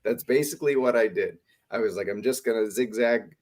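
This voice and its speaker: This podcast host has a lowish, slightly dark voice and talks a little fast. He runs a casual talk show, teasing his co-hosts and often trailing off mid-thought.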